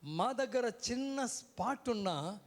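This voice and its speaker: Lively intonation marks this guest preacher's very high voice, and he speaks a little slowly. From the church stage he calls out "hello" to the crowd time after time, leading a sermon where the congregation repeats words back.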